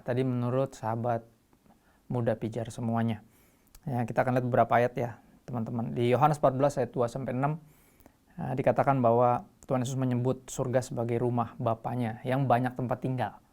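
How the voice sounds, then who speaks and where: A man's voice: mid-range voice, a little fast. Easygoing man teaching scripture. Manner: relaxed, conversational, explains scripture verse by verse. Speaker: host. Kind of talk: casual Bible teaching.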